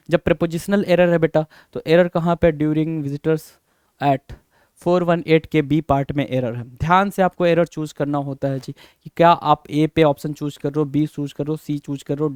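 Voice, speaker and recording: A man with an Indian accent teaching grammar, patiently going over each rule and quizzing his students, then supplying the answers himself. His voice is smooth and sits a little high. The recording is dry and close, with no room sound. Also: darkish tone, no echo. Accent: Indian English. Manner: reads exam sentences slowly word by word. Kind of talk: exam-prep lesson in mixed Hindi and English.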